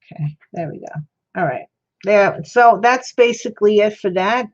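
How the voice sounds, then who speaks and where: Sitting at an indoor craft worktable, this woman chats and thinks aloud while demonstrating crafts for her livestream. She speaks at a normal speed in an expressive mid-range voice, with slightly mushy, toothless articulation, and the audio is dull.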